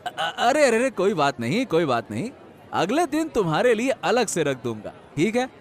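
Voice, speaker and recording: A man voicing a high-pitched cartoon fishmonger. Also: wildly swooping pitch, moderate pace, a faint crowd. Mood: chatty. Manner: loud street hawking. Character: cheerful honest village fishmonger. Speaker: fish seller. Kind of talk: animated cartoon dialogue.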